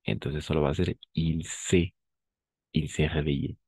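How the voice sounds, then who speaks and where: Deep mellow guy teaching a class, dry close sound, says stuff over and over, keeps asking if everyone's ok. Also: steady tone, husky, dry recording. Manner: repeats phrases slowly, drills pronunciation; checks in often with students. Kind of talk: online language lesson.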